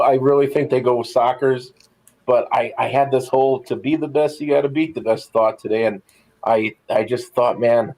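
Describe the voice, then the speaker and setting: A man's voice: mid-range voice, darkish tone, rough recording. A man co-hosting a sports podcast in a casual, enthusiastic, encouraging way. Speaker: podcast co-host.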